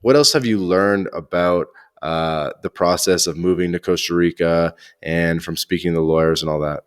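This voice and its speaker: Smooth and deep-voiced, a podcast host chats at a moderate pace during a casual interview. He's enthusiastic and talkative, leaning heavily on fillers such as "uh" and "like".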